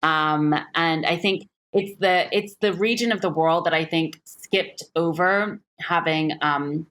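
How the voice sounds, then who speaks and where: A woman in her thirties from Singapore, an investor guest talking through her career in a podcast interview, reflective and thinking aloud with many pauses. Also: fairly low pitch, fairly bright tone.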